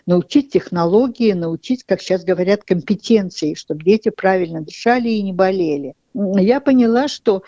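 Mellow-voiced woman explaining her method. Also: mid-range voice, animated, no room sound, dull audio. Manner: measured, thoughtful, with hesitations. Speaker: interviewed educator, author of a children's speech method. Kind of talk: interview answers, explanatory.

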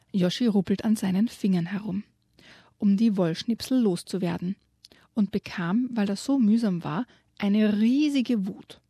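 A woman's voice: mid-range voice, creaky, mellow, husky, no room sound, clean studio sound. A woman reading aloud from a children's book and retelling the story, dropping to a whisper for suspense. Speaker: guest presenting a children's book.

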